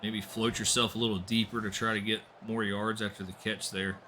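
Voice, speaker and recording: A young man doing live play-by-play commentary on a simulated football game, getting excitable on big plays. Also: a little fast, a little hiss or hum. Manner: excitable, voice jumps high and loud on big plays. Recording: music playing behind the voice.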